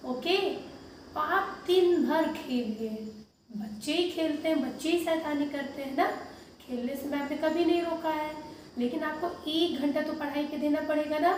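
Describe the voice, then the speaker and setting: A woman primary school teacher giving an online lesson to young children, with slow, drawn-out word drills and some mild scolding about homework. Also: high-pitched, darkish tone, a little hiss or hum. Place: home room, lockdown. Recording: echoey room, voice from a distance.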